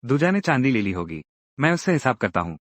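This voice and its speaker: A man's voice: mid-range voice, sing-song, fairly quick, dry recording. A man narrating a drama recap and voicing every character's lines himself, acting each one out in turn.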